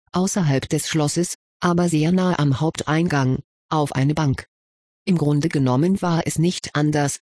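A narrator reading a fantasy story aloud in a steady, even storytelling manner. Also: mid-range voice, no room sound, studio quality. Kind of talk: audiobook reading of fan fiction.

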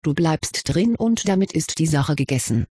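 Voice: medium pitch, expressive, normal speed, mellow, slightly rough, no echo. A reader voicing a practical, matter-of-fact schoolgirl witch in an audiobook. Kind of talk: audiobook reading.

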